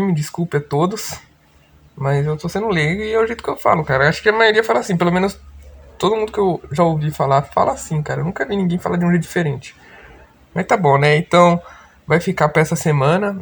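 A young Brazilian man talks straight into his podcast with no script, circling back on himself and sprinkling in slang and curses. His voice sits a little high for a man. The delivery is loose and conversational, like a long voice note to a friend. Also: creaky, husky. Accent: Brazilian Portuguese. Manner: rambling, swears a lot, loose slang. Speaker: podcast host. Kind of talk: unscripted casual monologue.

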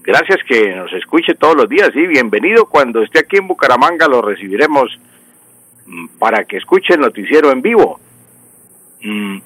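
A man's voice: medium pitch, fairly bright tone, dry recording, poor audio. Colombian man explaining grammar on radio. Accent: Colombian Spanish. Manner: explanatory, repeats words, frequent fillers. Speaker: language expert on radio news. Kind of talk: call-in language advice.

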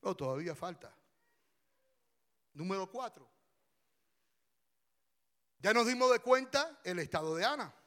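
Male pastor, slow deliberate sermon delivery, bright ringing tone. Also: high voice, lively intonation. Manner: passionate preaching, shouting at peaks.

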